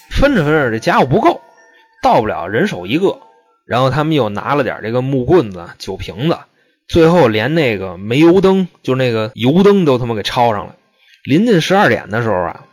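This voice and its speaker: Slangy man telling a crime story. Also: mid-range voice. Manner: slangy, profane, chatty. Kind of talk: casual true-crime storytelling.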